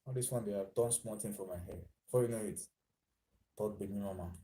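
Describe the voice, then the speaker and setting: This vlogger is a Nigerian man with a lowish, dark voice, talking a little fast over slight background noise. His casual commentary is chatty, shifts into Pidgin, and he keeps laughing at his own jokes.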